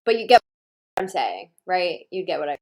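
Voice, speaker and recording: A woman's voice: lowish voice, very animated, fairly quick, a little mellow. A woman hosting a livestream, chatting casually and rambling with lots of "like". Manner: rambling, heavy use of "like". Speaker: livestream host.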